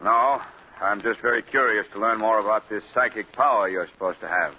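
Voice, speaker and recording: Commissioner Weston, a man playing a gruff police chief. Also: fairly low pitch, brisk, lightly acted. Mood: curious. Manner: gruff, barking orders. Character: blustering skeptical male police commissioner. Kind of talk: 1940s radio acting. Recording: tinny scratchy 1940s radio broadcast.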